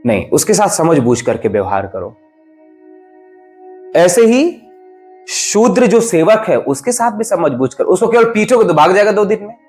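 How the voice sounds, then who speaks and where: A male spiritual teacher lecturing with strong emphasis, his fairly high voice swooping up and down to stress each point. He explains patiently and pushes hard on key words, with soft music faint in the background. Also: big pitch swings, normal speed. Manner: emphatic, explanatory, rises and falls sharply for stress. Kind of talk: devotional discourse.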